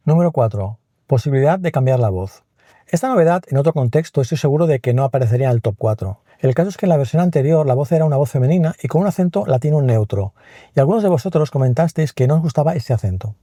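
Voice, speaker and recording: A man's voice: mid-range voice, dark tone, dry recording, studio quality. A man with a Spain Spanish accent presenting a tech review and explaining things plainly. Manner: explains quickly and plainly, chats with the assistant. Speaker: tech video host.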